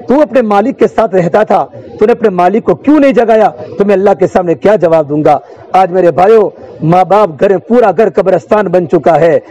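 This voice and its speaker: Impassioned high-voiced preacher, rhythmic oratory. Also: male voice, warm tone, highs cut off. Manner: emotive rhythmic oratory with repeated refrains and recited verse. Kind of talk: sermon.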